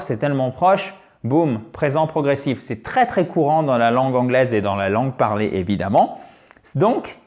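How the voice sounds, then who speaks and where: A man teaching an English grammar lesson on video, lively and chatty, often checking in with his viewers. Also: mid-range voice.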